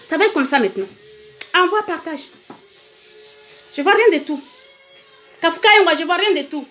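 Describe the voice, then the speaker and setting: Comorian woman, singer on a phone livestream, very high pitch, emphatic and repetitive. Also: lively intonation, normal speed, fairly bright tone, soft background music. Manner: emphatic, repetitive, asks viewers for hearts. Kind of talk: casual livestream monologue.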